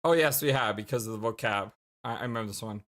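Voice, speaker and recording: A woman's voice: a bass voice, fast. A woman doing casual let's play commentary, rambling as she thinks aloud. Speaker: let's player.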